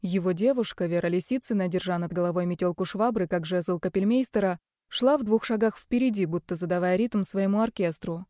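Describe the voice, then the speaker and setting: A woman narrating an audiobook in a steady, expressive reading. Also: fairly low pitch, a little fast, no echo, studio quality. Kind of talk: scripted narration.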